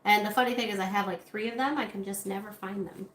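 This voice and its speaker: On a relaxed art livestream, a woman host chats with her viewers while she crafts, her medium-pitched voice fast, fairly even in intonation, and a bit bright. She sounds slightly congested, and the room is roomy with faint background noise.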